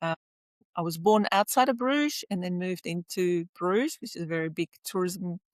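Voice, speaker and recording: As a guest on a podcast, a tourism lecturer from Flanders, Belgium, whose first language is Flemish Dutch, talks in a casual, enthusiastic personal chat. She has a fairly low pitch and a moderate pace, and there's no echo.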